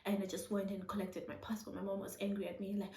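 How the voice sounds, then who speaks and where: A young woman from Zimbabwe tells a personal story in a casual, animated way, laughing often and acting out the dialogue. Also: medium pitch, fast talker, distant mic. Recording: echoey room.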